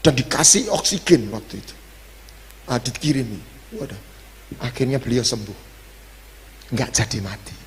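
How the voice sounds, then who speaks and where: A man's voice: mid-range voice, a little hiss or hum. A male pastor preaching a sermon, mixing in English phrases and building to sudden emphatic peaks. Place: church hall. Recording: long reverb of a church hall.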